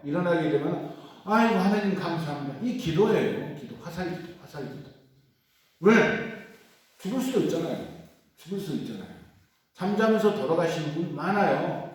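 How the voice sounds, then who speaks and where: Animated man lecturing in an echoey hall. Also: fairly high pitch. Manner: animated, acts out prayers in quoted voices. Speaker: catechism teacher. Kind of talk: catechism lecture. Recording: very echoey room, voice from far off.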